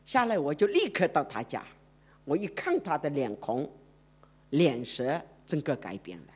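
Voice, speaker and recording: Woman preacher, lively storytelling sermon with a very animated pitch. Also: moderate pace, husky. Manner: dramatic, swings from loud to hushed.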